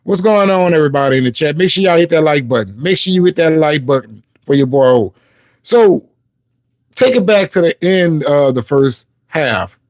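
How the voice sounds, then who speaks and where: A man's voice: a little high, lively intonation, moderate pace, no room sound. Casual New man reading game stats. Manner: casual, reads stats aloud, chats with viewers. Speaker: sports livestream host. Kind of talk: casual live-stream commentary.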